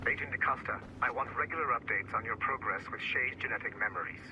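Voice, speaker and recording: A man's voice: mid-range voice, quick pace, sharp tone, muffled recording, a little hiss or hum. A man playing a stern, commanding corporate security boss in a video game, curt, formal and authoritative. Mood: stern, calculating.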